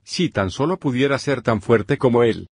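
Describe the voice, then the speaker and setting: A man's voice: medium pitch, animated, moderate pace, husky, dry recording, clean studio sound. A man reading a determined young girl mage. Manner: resolute inner thoughts.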